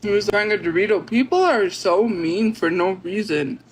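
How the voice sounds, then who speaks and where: A woman's voice: mid-range voice, normal speed, slight background noise. A woman streamer chatting casually with her viewers and reacting to their comments. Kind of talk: casual livestream chat.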